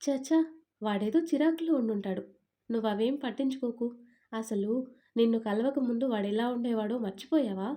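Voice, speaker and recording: A woman's voice: on the high side, moderate pace, dark tone, natural voice. A woman voicing a cheerful young man in an audio story who soothes his upset friend in an easygoing tone. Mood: placating.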